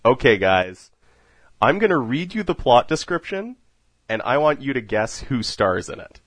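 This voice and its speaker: A man hosts a casual movie podcast in a lively, animated voice that swings widely in pitch. He jokes and laughs often between points. The sound is dry and close. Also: moderate pace, dry recording. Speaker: podcast host. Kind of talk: casual film podcast chat.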